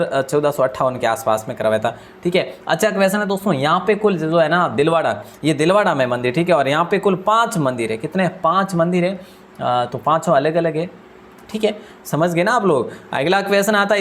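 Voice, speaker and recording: A male teacher runs a rapid exam-prep quiz with a slightly high voice. He speaks quickly and keeps asking his questions aloud, then answers them himself. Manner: deliberately speaks fast.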